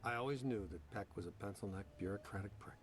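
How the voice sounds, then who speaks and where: A man's voice: on the low side, fast, slight background noise, lightly acted. A man voicing a sarcastic, laid-back ghost hunter in a video game, with dry wisecracks. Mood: wry. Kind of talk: video game cutscene acting.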